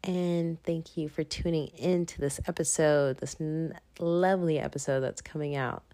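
Low-voiced tired woman rambling on her podcast into a phone at night, hushed, half whispering, dry close sound. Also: steady tone, moderate pace, dry recording. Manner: rambling and chatty, laughs at herself; half-whispering at times to keep quiet. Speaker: podcast host. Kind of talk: casual solo podcast monologue. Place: home at night.

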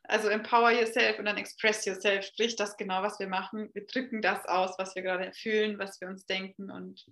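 A woman's voice: medium pitch, level tone, brisk, few pauses, a bit bright, reverberant. A woman guest on a podcast, talking in an upbeat, encouraging way and mixing English phrases into her speech. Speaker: podcast guest, cycling traveler. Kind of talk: casual podcast interview.

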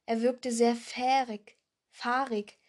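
A woman's voice: fairly high pitch, flat delivery, takes it slowly. A woman reading a novel aloud, voicing the characters and restarting words she trips over. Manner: acts character lines, stumbles and restarts words. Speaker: reader.

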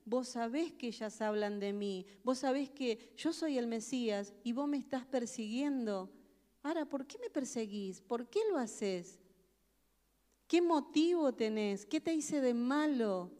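Jesus pleading w a persecutor as a woman preacher puts him on, high smooth voice, echoey hall. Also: animated, measured pace, warm tone. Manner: pleading, questioning. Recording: long reverb of a large hall.

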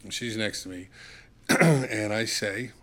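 Speaking slowly in a fairly low voice, this man rambles through stories as a casual podcast guest. He animates each retelling by acting out the quoted dialogue as he goes.

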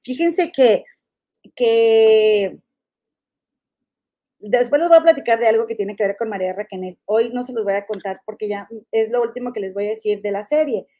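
A woman's voice: fairly high pitch, moderate pace, dark tone, muffled recording. A middle-aged woman from Monterrey with a Monterrey Mexican accent, chatting casually as a gossip podcast host and calling her listeners comadres. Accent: Monterrey Mexican Spanish.

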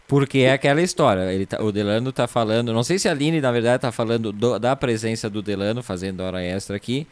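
A man's voice: mid-range voice, quick pace, few pauses. A man hosting a live-stream talk show in an easygoing, jokey manner. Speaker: host.

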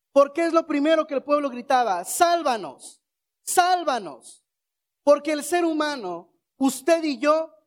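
High-voiced man preaching slowly. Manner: rhetorical questions, leads the congregation in shouted responses. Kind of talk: sermon.

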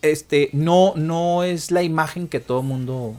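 A man's voice: on the high side, slow, a little mellow. A man with a northern Mexican border accent talks casually as a radio call-in host, explaining things in colloquial words and often checking for agreement.

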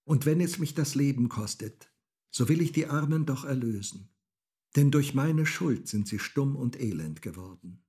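A man's voice: mid-range voice, lively intonation, moderate pace, warm tone, breathy edge, pitched above the performer's own voice. A man voicing a remorseful young girl in a fairy tale, pleading earnestly.

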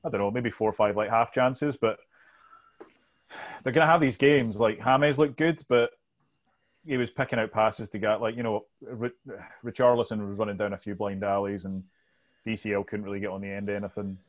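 A man's voice: fairly low pitch, fairly even intonation, fairly quick, muffled recording. A man with a Glasgow Scottish accent chatting casually about football, informal and sweary, as a podcast host.

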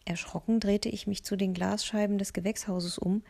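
A woman narrating a children's novel in the first person, with soft, lively storytelling. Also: mid-range voice, normal speed, gravelly. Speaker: audiobook narrator.

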